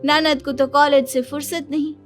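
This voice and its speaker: A woman's voice: high voice, level tone, moderate pace, faint music behind, natural voice. A woman doing a whiny, self-pitying cartoon wife. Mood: complaining. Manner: whiny, dramatic complaining.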